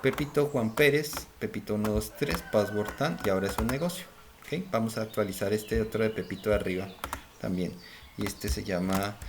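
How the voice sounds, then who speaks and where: In a home recording with audible noise, keyboard typing and clicks, a man with a fairly low, creaky voice teaches programming through a screen-recorded coding lesson. He thinks out loud while typing and regularly asks his viewers "¿cierto?".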